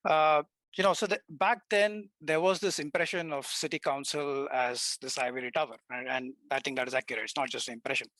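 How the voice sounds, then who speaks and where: A man's voice: medium pitch, fairly even intonation, fairly quick, fairly bright tone, no echo, poor audio. A man activist answering a question on a livestream in a rambling way, with many uhs and you-knows. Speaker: activist guest.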